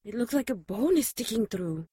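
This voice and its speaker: A woman playing a shaken but caring, gently reproving nun in an audio drama. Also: a little high, lively intonation, normal speed, slightly rough, no echo, studio quality. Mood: measured, reproving.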